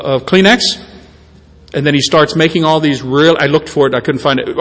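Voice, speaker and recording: A man's voice: fairly high pitch, a bit bright. A man preaching a sermon as a pastor, in a conversational way with stammered restarts and self-deprecating asides. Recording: long hall reverb.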